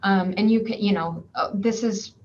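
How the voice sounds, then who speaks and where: A woman's voice: medium pitch, steady tone, normal speed. Woman explaining patiently on a dull call. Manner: clear, patient explaining with frequent ums and worked examples. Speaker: clinician presenting at a conference session. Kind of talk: explanatory conference talk. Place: home or office, remote virtual session. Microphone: computer mic on a video call. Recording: slightly dull virtual-conference audio with faint background noise.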